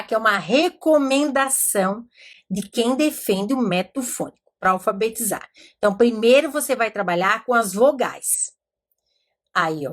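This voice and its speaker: A woman from Brazil, middle-aged, with a somewhat high voice, teaches in a relaxed, chatty way. She lingers on letter sounds one by one and slips into stories about her pupils. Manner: explanatory, sounds out letters slowly, tells anecdotes. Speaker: educator teaching literacy methods. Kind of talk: informal teaching talk.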